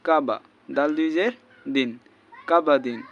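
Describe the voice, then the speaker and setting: Slow man drilling letter sounds. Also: a little high, highs cut off, a little hiss or hum. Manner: chants letter names and vowel marks in a steady repeating drill. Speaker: Arabic reading teacher. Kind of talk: slow spelled-out recitation lesson.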